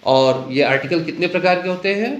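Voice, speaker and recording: Man, teacher, repeats and quizzes students, high voice. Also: reverberant, muffled recording. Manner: explains slowly, repeats points, quizzes students. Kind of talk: classroom teaching in Hindi and English. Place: classroom.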